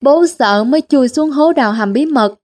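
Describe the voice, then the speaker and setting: A woman's voice: sits high, animated, normal speed, darkish tone. A woman voicing a naive, greedy young daughter in a comic story. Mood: pleading.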